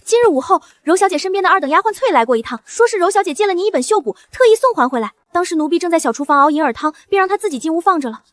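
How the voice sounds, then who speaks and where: An actress playing a timid, loyal young maidservant who frets anxiously, in an animated drama dub. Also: female voice, very high-pitched, very fast, few pauses, no echo.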